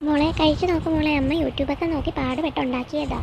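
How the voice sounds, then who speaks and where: A woman voicing a poor, gentle, patient mother-in-law in a cartoon, speaking in a soft and soothing way. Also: sits high, steady tone, quick pace, creaky. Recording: dull lo-fi with faint hiss.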